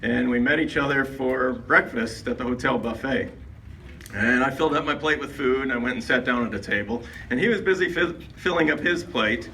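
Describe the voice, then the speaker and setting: A man's voice: mid-range voice, brisk, bright, forceful tone, a little hiss or hum. Man telling roast stories from a distance. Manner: joking storyteller building up to punchlines. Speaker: speaker giving a roast at a retirement party. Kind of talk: humorous roast speech. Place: retirement party.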